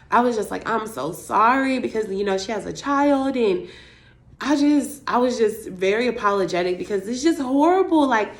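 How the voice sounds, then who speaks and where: A young woman casually telling a personal story in a vlog, with frequent "like" and "you know" fillers. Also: medium pitch. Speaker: vlogger.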